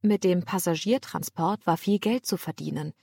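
A woman narrating an audiobook in a somewhat low voice. She reads at an even, measured pace, recorded close and dry with no room sound. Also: vocal fry, breathy edge, no echo. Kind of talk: scripted narration.

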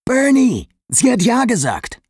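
A jubilant young man, as a male narrator puts him on, bright with excitement and jumping up in pitch. The audiobook recording is dry and close. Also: normal speed, no echo. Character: jubilant young man, newly engaged, football fan.

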